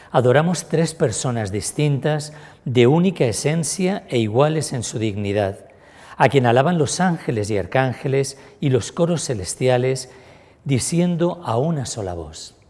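A man, a priest, celebrating Mass, praying in a solemn, measured way in a church. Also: mid-range voice, animated, darkish tone. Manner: solemn, measured liturgical prayer. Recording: echoey church with long reverb.

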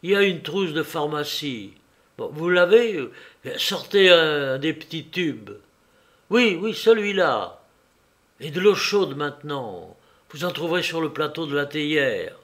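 A man's voice: a little high, animated, unhurried, fairly bright tone. A man reading an audiobook voicing a thoughtful, worried doctor who hesitates and ponders aloud. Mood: insistent.

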